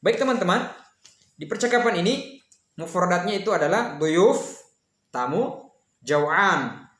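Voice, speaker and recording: A man teaching an Arabic lesson, reading dialogue lines slowly and explaining them with frequent fillers. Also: sits high, animated, fairly bright tone, reverberant.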